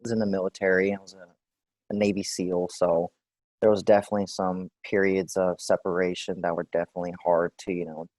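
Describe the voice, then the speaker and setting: A man in his forties from Texas, answering questions in a clinical interview in a relaxed, hesitant way with many fillers. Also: deep voice, brisk, dry recording. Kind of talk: role-play clinical interview.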